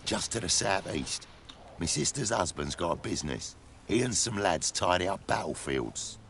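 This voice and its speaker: A shady video game merchant with a very gravelly, low voice. His secretive, raspy sales patter swings up and down as he wheedles, over faint noise. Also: expressive, normal speed, fairly bright tone, full character voice. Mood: bargaining. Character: shady male pass merchant, wheedling and sly.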